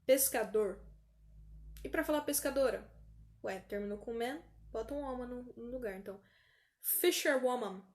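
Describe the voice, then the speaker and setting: A woman with a Brazilian Portuguese accent teaching an online English lesson, repeating each word slowly for pronunciation practice. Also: fairly high pitch, darkish tone.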